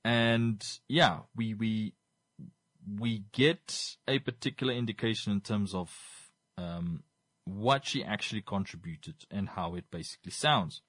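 A man with a Namibian accent giving informal, explanatory commentary on world affairs in wordy, halting phrases, often repeating himself for emphasis. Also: on the low side, a bit bright, dry recording.

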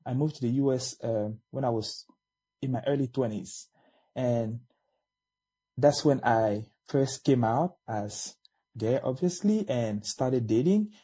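A man in his late twenties from Cameroon, a guest speaking in a measured, slightly hesitant way. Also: medium pitch, lively intonation, warm tone, slightly rough. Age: late 20s. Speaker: panel guest. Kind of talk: casual conversation.

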